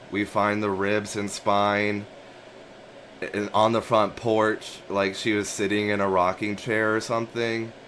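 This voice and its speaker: Male, deep and unhurried, casual dream storyteller, musing and repetitive, some background hiss. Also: fairly bright tone. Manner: musing, halting, repeats and rephrases phrases as he goes. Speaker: narrator of a personal dream journal.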